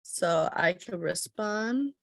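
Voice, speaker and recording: A woman with a lowish, creaky voice speaks slowly in a dry, clean studio recording. She owns a travel agency and is giving a relaxed, chatty step-by-step tutorial on weekly planning, thinking aloud as she fills in her planner. A cold leaves her sounding a little stuffy.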